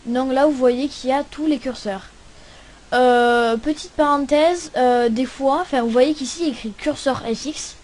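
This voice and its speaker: High-voiced young woman hosting a tutorial. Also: moderate pace, a little mellow. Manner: hesitant, many fillers and restarts. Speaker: tutorial host. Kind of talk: casual screen-recording tutorial.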